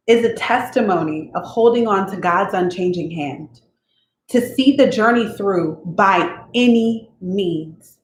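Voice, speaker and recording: Chatty woman in an echoey room. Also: mid-range voice. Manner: chatty, tags sentences with "okay?"; emotional, openly expects to cry. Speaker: host of a book-reading channel. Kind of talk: casual chat before reading aloud. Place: at home with her cat nearby. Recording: echoey room, faint noise.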